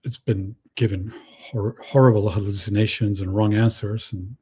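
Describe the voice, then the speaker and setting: A man who grew up in Chile, speaking as a panel guest in a halting way, with many restarts and fillers. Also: lowish voice, steady tone, warm tone, slightly rough. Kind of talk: panel discussion.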